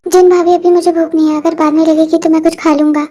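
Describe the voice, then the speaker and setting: High-voiced reader doing a sorry young man. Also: level tone, fast, dark tone. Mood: subdued. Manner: pleading, apologetic. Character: remorseful young man pleading for forgiveness.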